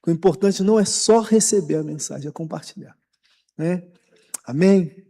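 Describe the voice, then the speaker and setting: A warm, fairly high voice at a moderate pace belongs to a Brazilian Portuguese-accented pastor. He leads a Bible study in a church hall with long reverb, preaching informally and animatedly and repeating words to encourage the church.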